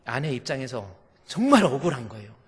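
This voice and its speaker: A male pastor telling a story in a sermon, animated, acting out voices and swinging between loud and soft. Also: medium pitch, fairly quick, breathy edge, long reverb tail.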